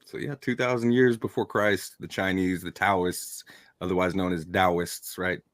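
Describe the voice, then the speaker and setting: A man hosting a casual panel discussion, relaxed and thinking aloud between chuckles. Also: sits low, unhurried, no echo. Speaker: host.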